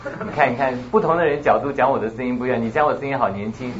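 A man teaching a church class in a loud, booming voice, chatting casually and mixing in English words. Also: highs cut off, a little hiss or hum. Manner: lively, quick, mixes in English words.

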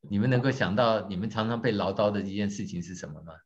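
A man teaching a church class, talking in a lively way, quizzing his audience and joking about himself. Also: fairly low pitch, fast. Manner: lively, questions the audience, tells jokes on himself. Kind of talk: interactive teaching talk. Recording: dull lo-fi recording.

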